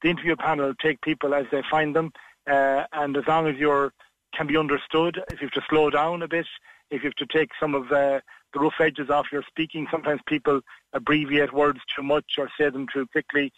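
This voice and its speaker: A man's voice: on the high side, little pitch movement, a little fast, fairly bright tone, no echo, muffled recording. A man giving frank, discursive interview advice on a radio call-in, with many fillers and restarts. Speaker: interview coach.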